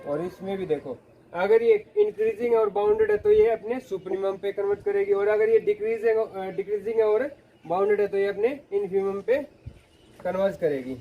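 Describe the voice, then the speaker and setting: A man's voice: sits high, expressive, normal speed, narrow, tinny audio. A man teaching a math lecture, explaining step by step and often asking his students questions. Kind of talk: classroom lecture.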